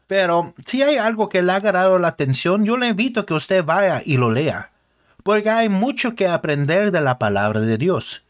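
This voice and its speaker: A man hosting a podcast, retelling Bible stories simply and earnestly, sometimes stopping to correct a word. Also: high voice. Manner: plain, earnest, with small self-corrections. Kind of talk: simple Bible story narration.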